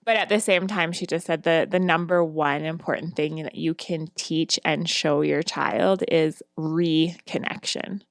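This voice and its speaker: Chatty, lower-voiced woman podcaster. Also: steady tone, unhurried, few pauses, no echo, studio quality. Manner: chatty, many "like"s and frequent laughs. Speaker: podcast co-host. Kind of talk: casual podcast chat.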